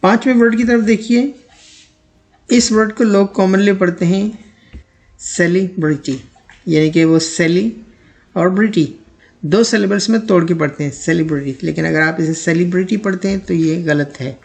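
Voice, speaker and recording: A man teaching English pronunciation, speaking slowly and deliberately on the model words and example sentences. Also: sits high, gravelly, darkish tone.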